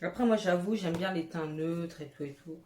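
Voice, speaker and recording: A woman beauty vlogger with a lowish voice and a moderate pace gushes through a casual haul chat, peppered with exclamations and casual swearing. She records at home with her cat nearby, in an echoey room carrying faint noise.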